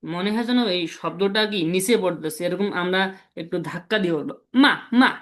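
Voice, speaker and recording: A man teaching a language lesson, patiently explaining and repeating example syllables slowly. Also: high voice, a bit bright.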